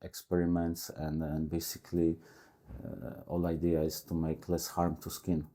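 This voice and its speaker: A man in his forties from Poland with a Polish accent, speaking halting non-native English as a guest in a casual interview. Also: very deep voice, monotone, dark tone. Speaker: guest tattoo artist. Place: tattoo shop.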